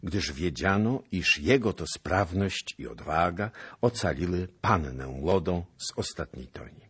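A man narrating a literary audiobook in an expressive, theatrical reading. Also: deep voice, a little slow, breathy edge, no room sound.

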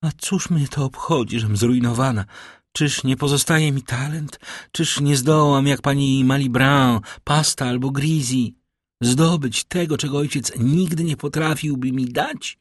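In an audiobook reading, a man voices a proud, scornful young woman who defies her father, sounding cold, haughty and defiant. He pitches his mid-range voice a bit above his own, close to everyday speech, at a measured pace. The recording is studio quality with no room sound.

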